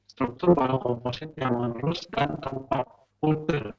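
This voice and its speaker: A man's voice: fairly high pitch, fairly even intonation, measured pace, crowd noise. A man giving an online lecture, hesitant and full of fillers, his voice breaking up with glitchy dropouts on a video call. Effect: choppy audio with glitchy dropouts.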